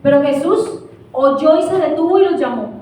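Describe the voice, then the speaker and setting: High-voiced woman preaching in an echoey church. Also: moderate pace, a little mellow, far from the mic. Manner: impassioned, asks the congregation questions. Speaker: pastor. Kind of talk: sermon.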